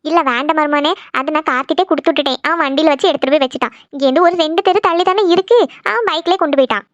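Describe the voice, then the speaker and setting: A woman's voice: sits high, rapid-fire, dry recording, dull audio, close to an everyday voice. A woman voicing a cheerful, bustling village mother in a cartoon, chatting in a homely way. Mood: reassuring. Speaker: cartoon voice actor. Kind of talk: Tamil cartoon dubbing.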